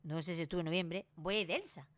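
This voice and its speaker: A woman in her late twenties from Spain with a Granada Spanish accent, rambling excitedly in a casual vlog and restarting her sentences often. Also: fairly low pitch, quick pace. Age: late 20s. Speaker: YouTuber.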